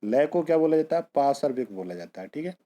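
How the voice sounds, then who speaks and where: A man's voice: mid-range voice, very animated, quick pace, mellow. A man teaching an exam-prep grammar lesson, who asks a question and then answers it himself, calling his students bhaiya and beta.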